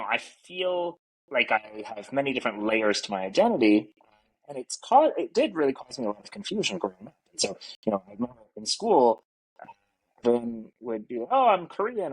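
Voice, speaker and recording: As a podcast guest in a casual interview, this middle-aged man from Canada, a native French speaker, comes across as earnest and reflective, with many fillers. His voice is mid-range and slightly rough, and the podcast mic recording sounds rough.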